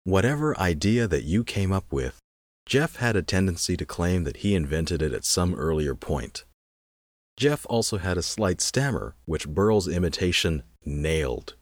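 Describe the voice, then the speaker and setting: Deep-voiced man reading a story. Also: very animated, normal speed, no echo. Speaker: reader. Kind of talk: scripted narration of an anecdote.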